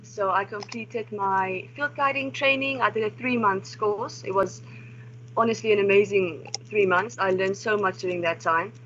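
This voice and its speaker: Speaking over a video call, a young wildlife research assistant from South Africa presents an online seminar in a warm, casual way with occasional restarts. Her voice is mid-range, fairly bright, and moderately paced, heard through slightly dull call audio with faint noise.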